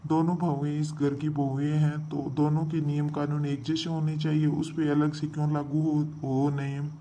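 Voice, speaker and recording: A man's voice: on the high side, warm tone. A man playing a level-headed son and husband who persuades his mother in a reasoning way, in a comedic family skit.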